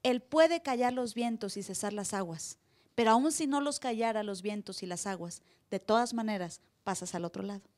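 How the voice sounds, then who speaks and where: A woman pastor preaching a sermon live in church, acting out voices with sudden loud cries. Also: mid-range voice, normal speed.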